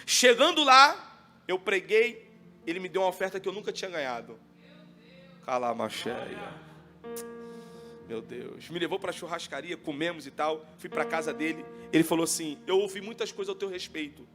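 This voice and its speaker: A high-voiced man preaches a testimony sermon, telling his story in a fervent way that swells into loud proclaiming. Faint music plays softly underneath him. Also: moderate pace. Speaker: evangelical preacher.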